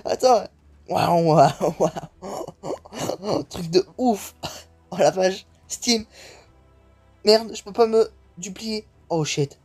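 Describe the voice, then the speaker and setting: Young male gaming YouTuber, slightly high voice, excitable play-by-play full of cursing, light music underneath. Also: takes it slowly, long pauses, slightly rough. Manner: excitable, swears often, mixes English exclamations into French. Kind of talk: live gameplay commentary.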